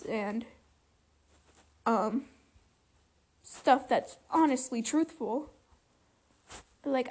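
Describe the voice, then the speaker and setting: A woman venting in a personal monologue, speaking softly and haltingly with many fillers and restarts. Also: on the high side, slight background noise. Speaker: vlogger.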